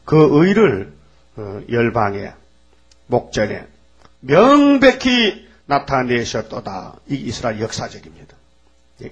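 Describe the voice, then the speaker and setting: A man's voice: mid-range voice, vocal fry, breathy edge, dull audio. A man preaching a sermon in a blunt, folksy way, firing rhetorical questions at the congregation. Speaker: pastor.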